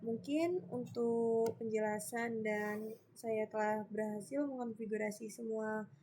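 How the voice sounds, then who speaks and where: A woman's voice: on the high side, steady tone, unhurried, mellow. A young woman with an Indonesian accent, a student narrating her screen-recorded network lab, spelling out commands letter by letter as she types. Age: young adult. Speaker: student presenting a lab exercise. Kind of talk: screen-recorded tutorial walkthrough. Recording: faint background noise.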